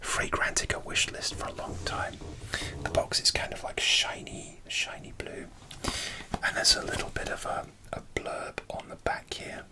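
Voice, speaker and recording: Whispered ASMR creator, breathy and unvoiced. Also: normal speed, low-quality recording.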